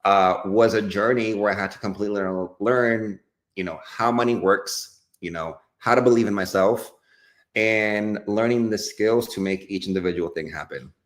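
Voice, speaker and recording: A young adult man from the Dominican Republic, a life and business coach, talking earnestly and upbeat with fillers and soft laughs in an interview. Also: fairly low pitch, normal speed. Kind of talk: casual interview conversation.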